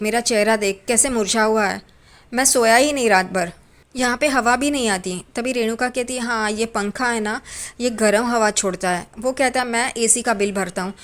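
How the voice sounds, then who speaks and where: High-voiced woman retelling a serial. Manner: retells scenes, voicing each character's lines in her own voice. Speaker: serial recap narrator. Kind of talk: storytelling recap with quoted dialogue.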